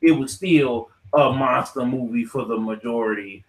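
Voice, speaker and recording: Heard on a rough recording, this mid-range male voice moves at a moderate pace. The American podcast host argues about films and games in a loose, foul-mouthed, slang-heavy way, cutting in on others and saying things twice to drive them home.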